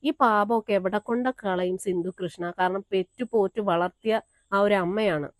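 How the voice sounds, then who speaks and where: A woman's voice: mid-range voice, steady tone, moderate pace, no room sound. A woman vlogger giving indignant reaction commentary, talking straight to her viewers. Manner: indignant, addresses viewers directly.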